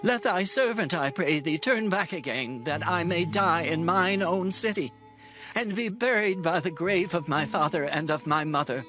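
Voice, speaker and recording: An actor playing a humble, weary man of eighty in a dramatized scripture, speaking slowly and pleadingly. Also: high-pitched, pushed and bright. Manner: slow, drawn-out, pleading archaic speech. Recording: music behind the voice.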